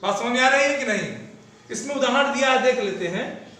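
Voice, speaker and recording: A man's voice: extremely high pitch, expressive, brisk, bright, forceful tone. A male teacher lecturing a class, often checking whether his students follow and calling them fondly as children. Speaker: Hindi teacher. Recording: very echoey room, faint background noise.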